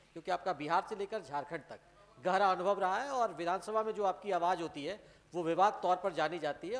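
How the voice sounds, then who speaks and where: Male TV anchor, high voice, courteous and formal. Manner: polite, formal, echoes the guest's words. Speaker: TV interview host. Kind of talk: studio TV interview. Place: TV studio.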